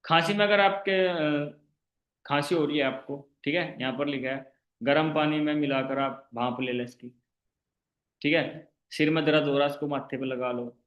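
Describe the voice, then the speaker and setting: Emphatic man pitching in an echoey room. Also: fairly even intonation, moderate pace, muffled recording. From India. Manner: emphatic, rhetorical questions, keeps asking listeners if they follow. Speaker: online sales trainer. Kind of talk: persuasive sales pitch. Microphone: online class call.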